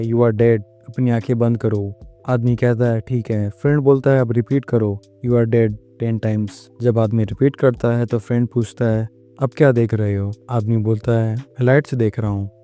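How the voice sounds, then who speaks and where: A man's voice: mid-range voice, mellow. A man narrating a manga plot recap, retelling scenes line by line and reading the characters' lines in his own plain voice.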